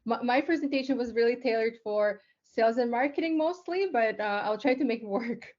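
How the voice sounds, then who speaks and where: High-voiced woman on a video call. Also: brisk, a little mellow. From Lithuania. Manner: chatty, many "um" fillers and restarts. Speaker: webinar speaker, tech company co-founder. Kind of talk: casual webinar presentation. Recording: slightly dull online call audio.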